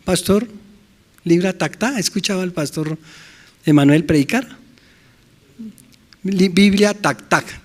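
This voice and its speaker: Bolivian pastor preaching, keeps asking the church questions, fairly high voice. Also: male voice. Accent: Bolivian Spanish. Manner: asks the congregation questions, repeats "amen, brothers". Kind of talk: sermon.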